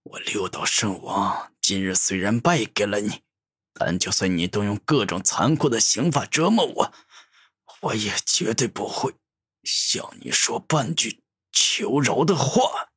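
A man voicing a proud, furious male villain cultivator who shouts in defiance, with a husky voice. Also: fairly low pitch, lively intonation, a little slow, dry recording, clean studio sound, full character voice. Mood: defiant.

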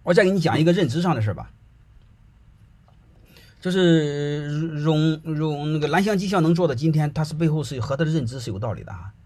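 Fairly high-pitched, brisk and darkish, a middle-aged man shares anecdotes with an audience. His storytelling is chatty and colloquial, and he keeps asking whether his listeners are keeping up.

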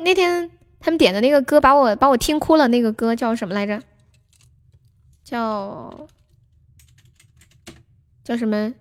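A young woman hosting a casual livestream, chatting with viewers, laughing often and reading out their names. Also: fairly high pitch. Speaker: livestream host.

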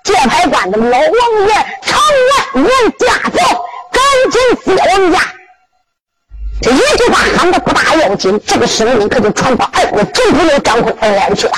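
A woman with a Henan accent performing traditional zhuizi storytelling in an animated, rhythmic, exclaiming manner. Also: on the high side, low-quality recording.

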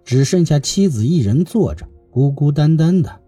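A man narrating a classical tale in a lively, expressive reading as the storyteller of his channel. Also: on the high side, moderate pace, slightly rough, soft background music.

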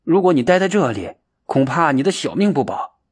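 A man's voice: fairly high pitch, big pitch swings, brisk, breathy edge. A man voicing an anxious, guilt-ridden young male monk who speaks in a raised, pleading way. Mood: urgent.

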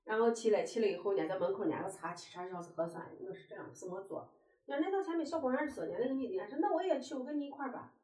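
A woman in her fifties tells a story quickly in a mid-pitched voice, chatty and emphatic. The room around her is echoey. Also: expressive, mellow. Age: 50s. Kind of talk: casual chat.

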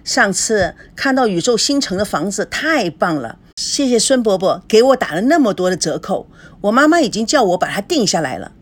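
Woman reading an eager young man, fawning, overly polite, animated pitch, storybook. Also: normal speed, hardly any pauses.

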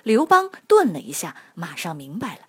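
Lively husky woman storyteller for kids. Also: lowish voice, normal speed. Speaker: children's history storyteller. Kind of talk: scripted narration for children.

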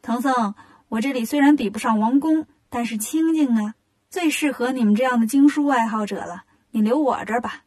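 A woman's voice: a little high, a little fast, darkish tone, husky. A woman doing a coaxing female demon. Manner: coaxing, teasing. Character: scheming, flirtatious female demon in a cave.

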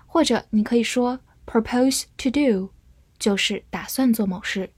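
Woman, English teacher, slow deliberate lesson, dry close recording. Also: on the high side, a little mellow, no echo. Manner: clear, slow model reading of example sentences. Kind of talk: scripted vocabulary lesson.

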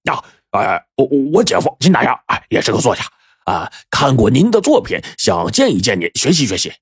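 A man voicing a timid, dim-witted young male sidekick who stammers and rushes his words. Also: medium pitch, wildly swooping pitch, slightly rough, no room sound, studio quality, heavily acted. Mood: nervous. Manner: stammering, hurried.

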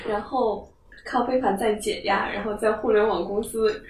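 A woman's voice: mid-range voice, fairly even intonation, measured pace. A woman, a podcast guest, chatting lightly. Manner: light, laughs between phrases. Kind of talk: casual chat. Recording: roomy, distant mic, faint noise.

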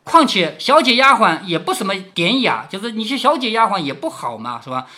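Man voicing a sharp, quick-tongued young noblewoman in a storybook reading, bright and lively. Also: high-pitched, heavily acted. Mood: teasing.

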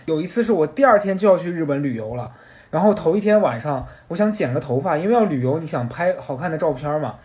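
Fast-talking man telling a story. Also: fairly high pitch. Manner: animated, rambling storyteller with restarts and laughter. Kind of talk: casual podcast storytelling.

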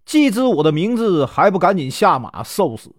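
A man's voice: sits high, very animated, moderate pace, no echo, studio quality. A man voicing a brash young boy warrior of legend, cocky and eager.

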